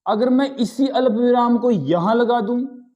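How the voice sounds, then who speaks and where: A man's voice: extremely high pitch, unhurried, dark tone. A man teaching a grammar lesson, explaining step by step and often checking in with his class. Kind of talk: classroom lecture.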